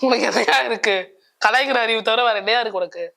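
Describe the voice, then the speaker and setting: A cricket fan being interviewed on the street, scolding the interviewer in an exasperated way and often shouting back. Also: medium pitch, fast, creaky. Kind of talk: heated street interview banter.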